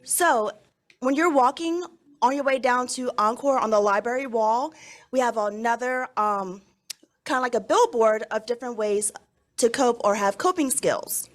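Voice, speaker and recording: A woman with a somewhat high voice speaks at a normal pace. She is a teacher making a school announcement, explaining things to young children in simple, instructive phrases.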